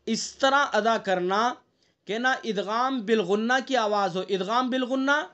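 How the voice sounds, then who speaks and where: A man's voice: sits high, pushed and bright, lo-fi sound. A man teaching an online Quran recitation class, explaining rules patiently, often checking with the students and sounding out the nasal examples himself.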